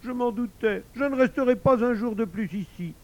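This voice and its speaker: A man voicing a sulky, sharp-tongued wife who whines and reproaches her husband. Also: high-pitched, a little slow, highs cut off, voice pushed up. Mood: wounded. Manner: whining, reproachful, theatrical.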